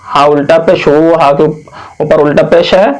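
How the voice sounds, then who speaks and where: A man from India teaching Quran reading, spelling out each word slowly and patiently, drawing out long vowels. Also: fairly high pitch, fairly even intonation, rough recording. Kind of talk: slow spelled-out recitation lesson.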